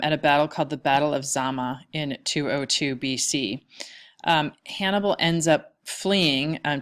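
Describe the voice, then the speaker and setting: A woman's voice: low-pitched, fairly bright tone. A woman teaching a history lecture over slides, talking casually with lots of ums and uhs. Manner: casual, with many fillers. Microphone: lecture recording mic.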